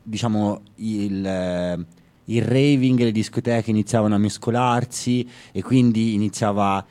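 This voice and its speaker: A man co-hosting a music radio show, talking casually with many pauses and fillers. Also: fairly low pitch, fairly even intonation, warm tone. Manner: hesitant, many fillers, storytelling. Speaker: radio co-host.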